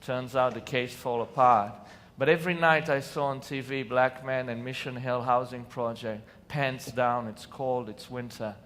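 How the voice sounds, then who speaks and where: A man from Israel speaks at normal speed with few pauses, his medium-pitched voice a bit bright and fairly even in intonation, carrying an Israeli accent. He earnestly tells personal stories to a conference audience from a lit stage in a large hall, with sudden emphatic bursts, amid distant reverb and faint room noise.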